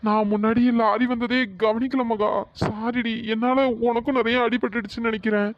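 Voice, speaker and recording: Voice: mid-range voice, little pitch movement, normal speed, noisy background, close to an everyday voice. A performer as a caring young man, dull lo-fi. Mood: reassuring. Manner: reassuring, playful. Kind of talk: cartoon storytelling dialogue.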